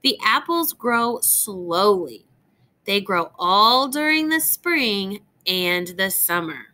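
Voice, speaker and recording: Her voice sits in the mid range as this teacher shares a picture book with little kids. She's expressive and crisp in her diction, stopping along the way to explain and pose questions.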